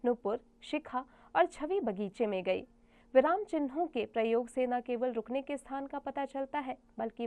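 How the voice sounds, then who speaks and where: A woman teacher explaining grammar to children, reading example sentences aloud in a clear, explanatory way. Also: a little high, a little mellow.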